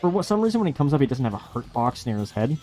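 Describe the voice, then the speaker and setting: A man's voice: medium pitch, very animated, racing, warm tone. A man hosting a let's play with casual, sarcastic, sweary commentary and plenty of complaints. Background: video game music.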